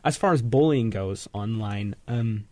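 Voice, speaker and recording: A teenage boy on a radio panel, explaining his views in a measured way with frequent ums. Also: on the low side, darkish tone, dry recording. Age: teens. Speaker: teen panelist. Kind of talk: thoughtful radio panel talk. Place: radio studio.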